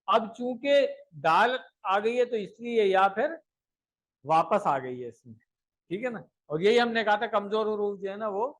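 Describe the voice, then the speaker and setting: High-voiced male teacher chanting drills. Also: poor audio. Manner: explains in a steady teaching voice, then chants conjugation tables rhythmically; checks understanding with frequent rhetorical asides. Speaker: Arabic grammar teacher. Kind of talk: classroom lesson with recitation drills.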